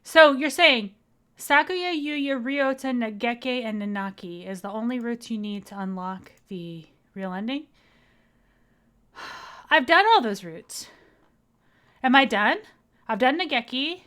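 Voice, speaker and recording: A woman's voice: a little high, animated, measured pace, pauses often, a bit bright, clean tone. A woman streamer chatting casually and rambling to her viewers while playing a game. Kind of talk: casual let's-play chat.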